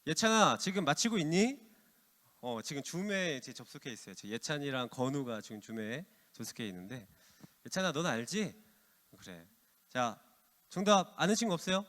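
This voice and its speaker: A middle-aged man preaching to teenagers as youth pastor, lively and calling them by name. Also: on the high side, moderate pace. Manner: lively, addresses teens by name. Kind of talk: youth sermon with quiz. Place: church hall. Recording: long hall reverb.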